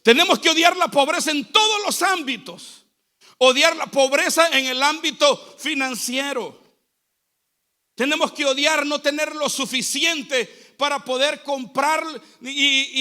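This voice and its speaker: A man's voice: very high voice, a little slow, sharp tone. A male pastor preaching a sermon in a repetitive, exhorting cadence, with a Central American Spanish accent.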